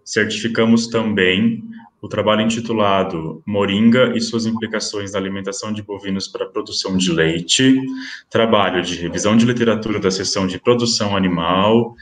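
A man presenting at an online academic event, reading out award certificates in a formal, steady listing manner. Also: fairly low pitch, brisk, reverberant. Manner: steady listing of titles and names.

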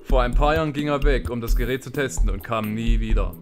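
A man slowly reading the lines of a determined game character in his own plain voice. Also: medium pitch, over loud music, natural voice. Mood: earnest.

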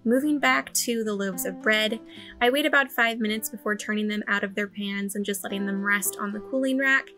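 Soft music plays in the background as this thirties-aged homesteading vlogger, indoors in her home kitchen, explains her bread recipes step by step in a friendly tutorial style. Her mid-range voice is brisk, pushed and bright.

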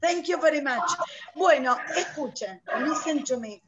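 A woman teacher with an Argentine Spanish accent, running an online English class in a lively, coaxing way. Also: high voice, measured pace, lo-fi sound, crowd noise. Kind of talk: online class, drilling vocabulary. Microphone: computer mic on a video call. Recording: noisy video call audio.

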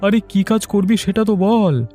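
A man voicing an excitable village friend. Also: sits high, moderate pace, soft background music, natural voice. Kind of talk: cartoon voice acting.

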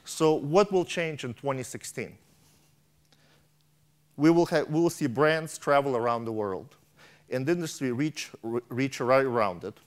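A keynote speaker, a middle-aged man, reads a prepared speech from his tablet on a large conference stage with a lapel mic, frequently stumbling and restarting. His medium-pitched voice is a little slow.

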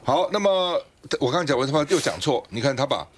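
Man, talk show host, quick, animated pitch, chatty explainer. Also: a little hiss or hum. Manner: chatty, explanatory, ends phrases with a tag particle. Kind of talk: political commentary chat.

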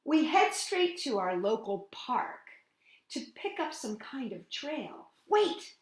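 Her voice high and very animated, a woman leads a children's storytime, reading a picture book slowly and expressively in a roomy-sounding setting. She speaks directly to the young listeners with questions, asides and sing-song greetings.

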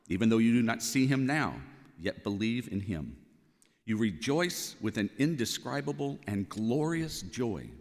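Male lector, fairly low voice, formal scripture reading in a reverberant church. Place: large church interior, at a lectern.

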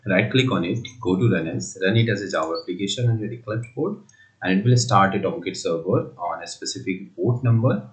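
A man with a very low voice explains a software project step by step, pausing often on fillers and restarting sentences. The sound has a noticeable room echo, like a home desk setup. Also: animated. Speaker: software tutorial presenter. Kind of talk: screen-recorded coding walkthrough.

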